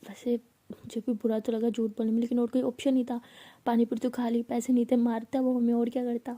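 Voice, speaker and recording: A woman voicing a playful, mischievous young college woman who whines dramatically and teases her friend, with a mellow tone. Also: on the high side, flat delivery, fast talker, close to an everyday voice. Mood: sheepish. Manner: teasing, whiny, dramatic.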